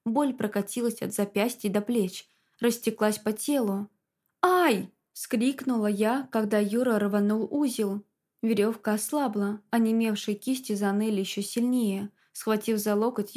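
A woman's voice: mid-range voice, fairly even intonation, moderate pace, mellow. A woman reading a dramatic first-person audiobook story in a tense manner. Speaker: audiobook narrator.

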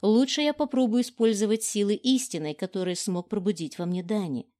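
A woman's voice: medium pitch, fairly quick, dark tone, natural voice. A woman voicing a defiant young heroine in an audiobook, speaking firmly and with resolve. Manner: defiant, firm. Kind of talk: audiobook reading.

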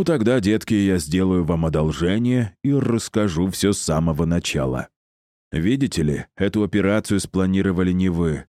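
A man's voice: low-pitched, mellow, dry recording, clean studio sound. A man voicing an arrogant, cruel male necromancer who mocks and insults his captives. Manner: mocking, condescending, insulting.

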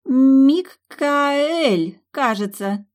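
A woman's voice: mid-range voice, big pitch swings, moderate pace, darkish tone, slightly rough, voice pushed up. A woman reading aloud, voicing an eager young woman who squeals with pride and helps finish others' words.

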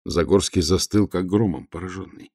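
A man narrating an audiobook in a steady, measured way. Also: deep voice, no room sound, studio quality.

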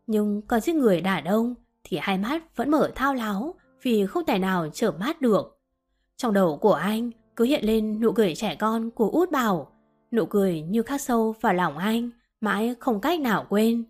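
A woman reading a romance novel aloud as an audiobook narrator, gently voicing both lovers' lines. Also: mid-range voice, expressive, normal speed, soft background music.

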